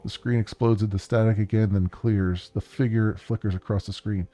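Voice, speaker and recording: A man's voice: fairly low pitch, steady tone, normal speed, warm tone, dry recording. A male streamer reading game text aloud during a let's-play, with casual, hesitant asides.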